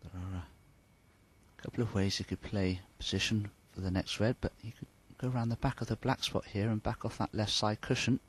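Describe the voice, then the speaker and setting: A man giving hushed, measured and understated snooker commentary. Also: on the low side, little pitch movement, slightly rough.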